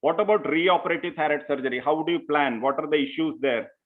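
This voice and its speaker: A man's voice: on the high side, quick pace. A man, a surgeon giving a conference lecture in a methodical, step-by-step way, often saying "you know" as he goes. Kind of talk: medical lecture. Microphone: remote call line. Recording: tinny phone-like call audio.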